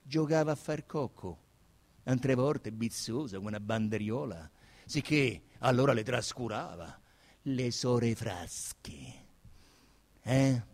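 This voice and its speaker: A man with a Roman accent, an actor, gives an intense, theatrical reading of a literary novel, moving between hushed murmurs and loud declamation. His medium-pitched voice is expressive and his pace slow.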